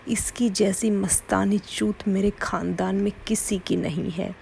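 A woman reading the lines of a fawning middle-aged man, slow and hushed. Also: medium pitch, fairly even intonation, gravelly, slight background noise. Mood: hushed, pleased.

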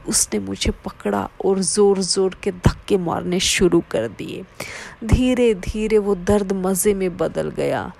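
A woman reading a first-person story aloud in a steady, low-key way. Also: vocal fry. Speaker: narrator.

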